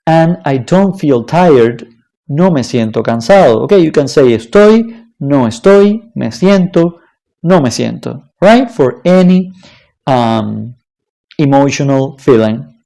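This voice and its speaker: Slow, lively-voiced language teacher. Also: mid-range voice, vocal fry. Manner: slow, deliberate, checks in with "okay?" and "right?". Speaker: Spanish teacher. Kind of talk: online language lesson.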